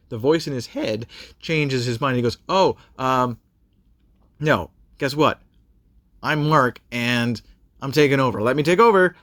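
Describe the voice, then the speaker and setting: A man's voice: medium pitch, a bit bright, dry recording. A man giving a casual spoken review of a TV episode, rambling with many fillers and restarts.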